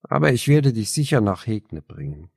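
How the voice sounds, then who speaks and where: Man voicing a lonely young guy, rasping, hoarse, eager, raised pitch, audiobook. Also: big pitch swings, normal speed, darkish tone, dry recording, studio quality, exaggerated voice. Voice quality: rasping, gull-like diction.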